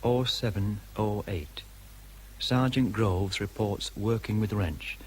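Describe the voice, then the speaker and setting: In a radio drama, a male actor plays an army shorthand writer, reading timed entries in clipped military phrases. His lowish voice is slow, impersonal, and methodical, with faint noise in the background.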